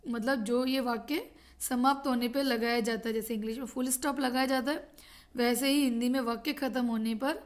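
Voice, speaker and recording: A woman teaching a grade-school grammar lesson to children, explaining slowly and checking often that they follow. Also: fairly high pitch, fairly even intonation. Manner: explains slowly, repeats and checks with "thik hai".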